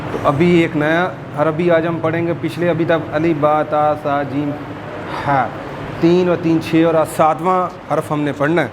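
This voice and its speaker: A man teaching a Quran class, drilling Arabic letter sounds by repeating them slowly. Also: a little high, level tone, background noise.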